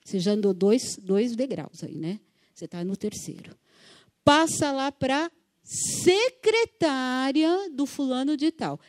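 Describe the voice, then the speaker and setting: A woman's voice: high-pitched, lively intonation, slow, darkish tone. A woman giving a conversational workshop talk on fundraising, repeating words for emphasis and acting out phone calls. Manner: acts out phone dialogues with voice shifts. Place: church workshop audience.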